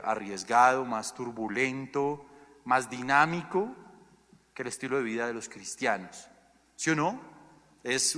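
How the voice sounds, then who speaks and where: A man preaching a sermon to a congregation, lively and direct, acting out the voices in the story he tells. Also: mid-range voice. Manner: animated, talks to the congregation and acts out Bible voices. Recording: long hall reverb.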